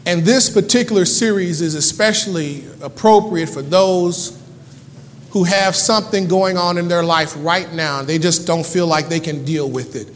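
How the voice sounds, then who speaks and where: A man's voice: high voice, normal speed. A man preaching a sermon as pastor, with rhythmic, repeated refrains. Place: church hall. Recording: church hall reverb, faint room noise.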